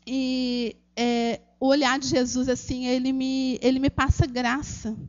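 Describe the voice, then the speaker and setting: A Brazilian woman speaks in a high voice with little pitch movement, unhurried, recorded on dull audio. Her Brazilian Portuguese accent carries an earnest, emotional testimony at a church gathering, spoken directly to the audience, whom she calls "gente," with frequent restarts.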